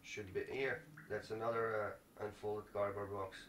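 A gaming video host talks through a casual let's play in a fairly low, level voice at a moderate pace, muttering to himself and swearing mildly. The recording sounds roomy, with a distant mic and clear noise that includes clicks.

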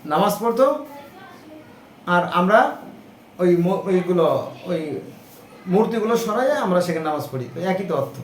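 A man's voice: sits high, animated, normal speed, pauses often, echoey room, a little hiss or hum. A man giving an informal religious talk to viewers, explaining term by term and asking rhetorical questions. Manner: explanatory, lists terms, asks rhetorical "right?". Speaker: religious speaker.

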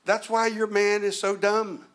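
Pastor guy preaching, funny story style, slow and bright. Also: high-pitched. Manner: humorous, storytelling, animated. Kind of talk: sermon.

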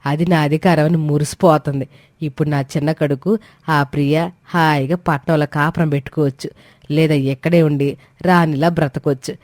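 A woman's voice: deep voice, fairly even intonation, moderate pace, darkish tone, no echo, natural voice. A woman voicing a scheming, domineering middle-aged mother-in-law who talks in a scornful, commanding way. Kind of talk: Telugu audio drama acting.

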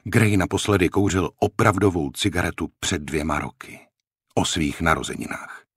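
Deep, husky male audiobook narrator. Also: dry recording, studio quality. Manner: measured, even storytelling. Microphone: close studio mic.

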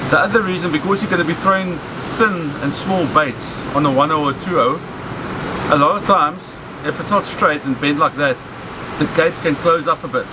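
A South African fishing instructor in his forties gives a relaxed, practical how-to on an open beach by the surf, his voice fairly high and moderately paced. He leans heavily on "so" and "okay" as he explains. Loud surf and wind fill the recording, with waves crashing behind him.

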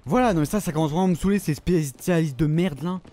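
A man giving excitable, slang-heavy commentary over his own gameplay, swearing often. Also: a little high, fast, noisy background. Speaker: gaming video creator.

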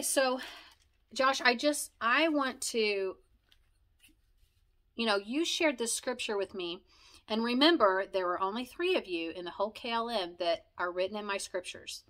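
A woman's voice: mid-range voice, animated, unhurried, a bit bright. A woman vlogging in a chatty, rambling way, thanking old friends and recalling memories. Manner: chatty, rambling, with frequent fillers and laughs. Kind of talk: personal heartfelt vlog, talking to camera.

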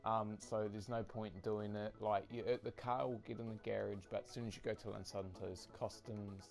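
Low, gravelly-voiced man rambling an update. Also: flat delivery, normal speed, a little mellow, soft background music. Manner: rambling, repetitive, many fillers and restarts. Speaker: gaming channel host. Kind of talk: casual update vlog.

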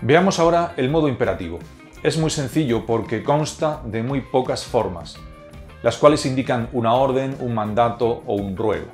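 A man gives a scripted grammar lesson, spelling out each verb form slowly and carefully. His pitch sits in an ordinary middle range. Faint guitar music plays softly beneath his voice. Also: expressive. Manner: slow, deliberate recitation of verb forms. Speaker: teacher.

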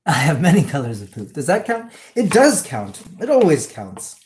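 A man hosts a casual cooking livestream from his home kitchen, talking off the cuff and joking as he works. His fairly high voice has huge pitch swings, a moderate pace, and a darkish tone, and the livestream audio is clearly noisy.

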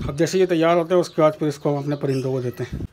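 A man's voice: a little high, racing, darkish tone. A man narrating his chores on a rooftop to viewers in a chatty, friendly way while he works, filmed on a handheld phone. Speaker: bird keeper vlogger. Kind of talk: casual vlog narration. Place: rooftop kitchen and bird pens, outdoors. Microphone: handheld phone camera. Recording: noisy rooftop phone recording.

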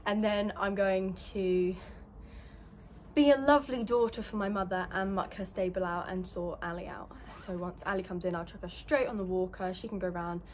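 A woman's voice: medium pitch, steady tone, normal speed, a little hiss or hum. A young woman, chatting upbeat and rambling in a vlog, filmed on a phone held at arm's length at a stable yard. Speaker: equestrian vlogger. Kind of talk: casual vlog chat. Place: stable yard, outdoors and in a horse lorry.

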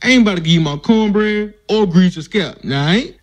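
A man's voice: high-pitched, expressive, a little fast. A man voicing a wary male inmate bear in a cartoon, defensive and streetwise.

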